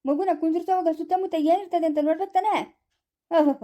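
A woman with a Chikkaballapura Kannada accent, loudly scolding in a rural family skit. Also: very high voice, fairly even intonation, fast. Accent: Kannada, Chikkaballapura area. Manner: loud scolding village dialect.

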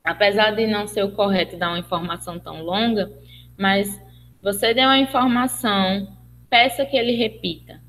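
A woman's voice: mid-range voice, steady tone, moderate pace, fairly bright tone, low-quality recording. Brazilian woman giving a webinar talk. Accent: Brazilian Portuguese. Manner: explanatory, with many fillers and restarts, acting out example phrases. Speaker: speech therapist lecturer. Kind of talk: webinar lecture.

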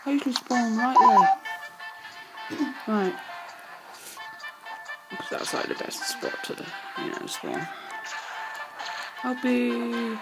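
A woman, chatting excitedly through a let's play and talking to the characters on screen. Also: fairly high pitch, rough recording. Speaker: gamer. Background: loud game music and battle sounds.

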